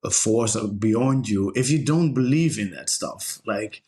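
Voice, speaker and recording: A Dutch-born man with a somewhat low voice talks earnestly about breathwork in a relaxed podcast conversation. He trips over his words and restarts his sentences often, while he carries on with a sincere, steady conviction. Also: measured pace. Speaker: guest, breathwork instructor.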